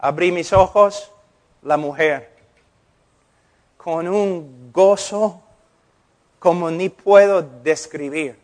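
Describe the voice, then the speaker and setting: Impassioned high-voiced middle-aged pastor. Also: male voice, extremely slow, pauses often, a little mellow. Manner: impassioned, acting out dialogues in changing voices. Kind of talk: sermon.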